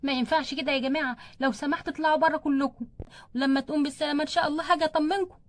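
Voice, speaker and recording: A woman with an Egyptian Arabic accent voicing a brisk female doctor who scolds and gives orders. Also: high voice, fairly even intonation, natural voice. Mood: stern. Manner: firm and scolding.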